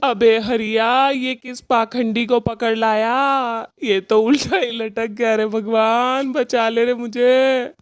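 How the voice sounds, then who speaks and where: A cowardly cartoon orchard owner who whines in fear, played by one performer. He drawls slowly. The sound is dry and close. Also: mid-range voice, level tone, clear, resonant tone, dry recording, close to an everyday voice. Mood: panicky. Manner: whining, frightened. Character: panicky male mango-orchard owner, cowardly.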